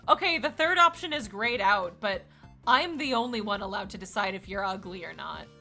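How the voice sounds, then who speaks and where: A young woman streaming a visual novel, chatting casually with slangy, animated asides while reading lines aloud. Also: medium pitch, moderate pace, soft background music.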